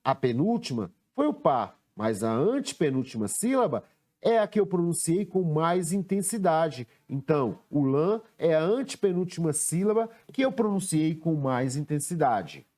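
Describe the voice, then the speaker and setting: A male teacher with a Brazilian Portuguese accent giving a recorded lesson, slowly sounding out words and stressing syllables. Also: a little high, sing-song, dark tone.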